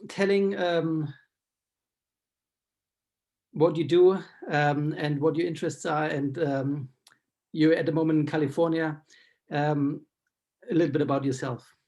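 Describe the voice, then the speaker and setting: A man's voice: on the high side, fairly even intonation, measured pace, long pauses, darkish tone. A man who is a doctor hosting an online interview, friendly and full of ums as he asks questions. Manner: friendly, with many ums while asking questions. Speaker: doctor and host.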